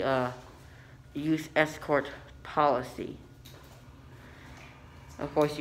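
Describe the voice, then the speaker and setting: A man's voice: a little high, fairly bright tone. Man, casual vlog narration, hesitant with ums, phone mic, noisy indoor mall. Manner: hesitant, many ums, talks to viewers. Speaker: vlogger filming elevators. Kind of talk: casual walk-through narration. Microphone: handheld phone camera.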